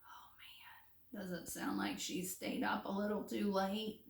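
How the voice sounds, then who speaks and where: A woman teacher reading a picture book aloud to young children, animated, with hushed asides to her listeners. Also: medium pitch, normal speed, vocal fry, in a whisper. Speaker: first grade teacher. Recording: roomy room, distant mic.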